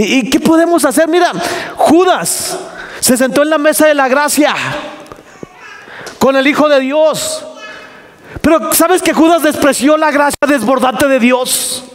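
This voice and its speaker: A male pastor preaching a sermon, asking the congregation questions and shouting for emphasis. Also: very high voice, in a large hall. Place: church hall.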